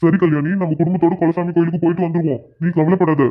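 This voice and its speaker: A man's voice: on the high side, little pitch movement, rapid-fire, narrow, tinny audio, lightly acted. A man voicing a caring elderly grandfather in a cartoon, soothing and questioning.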